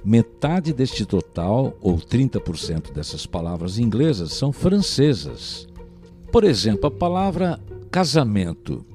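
A language teacher with a Brazilian Portuguese accent gives a recorded lesson in a medium-pitched, very animated, unhurried voice with a darkish tone. He explains patiently and keeps asking "né?" to check in with the listener, while soft music plays in the background.

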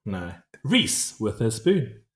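Lively, unhurried Scottish man in echoey room. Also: on the low side. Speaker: podcast host. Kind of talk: casual banter and corny jokes. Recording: echoey, roomy sound.

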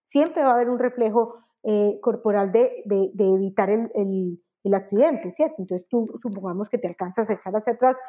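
A woman explaining personality types in a conversational interview, animated and acting out examples. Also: medium pitch, brisk, few pauses, lo-fi sound. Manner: animated, acts out examples with exclamations. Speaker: enneagram guest expert.

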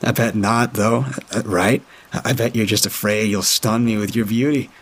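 A man's voice: fairly low pitch, fairly even intonation, moderate pace, husky. A man voicing a pushy, tipsy young man who wheedles and leers in a story reading. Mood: wheedling.

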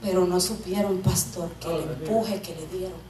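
A woman giving a fervent sermon testimony, going from quiet storytelling to shouted preaching. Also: fairly low pitch, steady tone, moderate pace, crowd noise. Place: church hall. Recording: echoey church PA from far off. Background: music and congregation.

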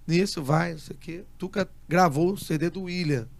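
A man's voice: a little high, moderate pace. A man in an interview, animatedly telling a story as a guest and acting out the dialogue he quotes. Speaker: interview guest, music producer.

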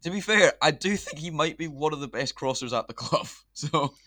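A man's voice: a little high, lively intonation, moderate pace, pushed and bright. A young man hosting a casual football podcast, chatty and laughing often. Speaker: podcast host.

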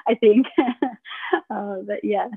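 A woman's voice: medium pitch, level tone, slow pace, creaky, husky, dry recording. Woman on a tinny call line. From Australia. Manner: warm, grateful, many "um"s and "yeah"s. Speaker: podcast guest, mentor. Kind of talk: casual interview chat. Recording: tinny phone-like line, dry.

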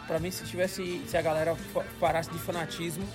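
Guy, highish voice, talks fast n slangy, repeats himself, music behind. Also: level tone. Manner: repeats phrases emphatically. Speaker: podcast co-host. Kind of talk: casual slangy chat.

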